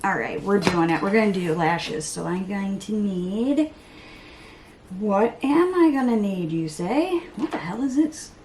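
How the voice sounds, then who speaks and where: A woman's voice: medium pitch, expressive, measured pace, darkish tone, slight background noise. A woman in her thirties chatting casually while doing her makeup at home, rambling and talking to herself. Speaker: beauty vlogger. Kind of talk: casual get-ready-with-me chat.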